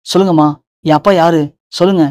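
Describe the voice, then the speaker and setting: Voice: medium pitch, steady tone, fast, a little mellow, dry recording, close to an everyday voice. A narrator voicing a desperate young man pleading to learn who his father is. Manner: pleading, insistent.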